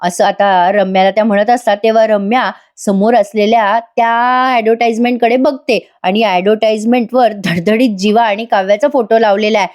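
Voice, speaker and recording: A woman's voice: medium pitch, steady tone, brisk, hardly any pauses, a little mellow. A woman narrating a voice-over recap of a TV serial, chatty and speaking straight to viewers. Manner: chatty, addresses viewers directly.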